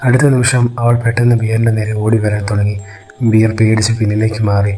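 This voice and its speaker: Low, flat-voiced male storyteller. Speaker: narrator. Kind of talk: scripted film recap narration.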